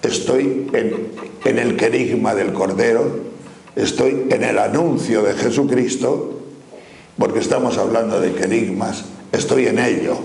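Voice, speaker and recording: An older man from Spain preaching a sermon in a lively, questioning way, speaking to his listeners as brothers. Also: fairly low pitch, creaky. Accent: Spanish from Spain. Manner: animated, rhetorical questions, addresses listeners as brothers. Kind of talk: spoken sermon. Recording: echoey room with faint background noise.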